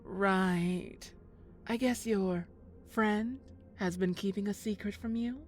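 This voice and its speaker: Speaking slowly in a mid-range voice with light acting, a woman performs a scripted audio drama role as a scheming, villainous former lover. Her tone is insinuating, with sweetness put on over condescension.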